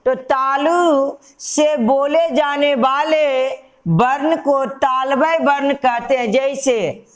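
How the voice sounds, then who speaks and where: Slow, high-voiced woman teaching grammar. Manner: repeats key terms as questions to students; slow, patient classroom delivery. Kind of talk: Hindi grammar lesson.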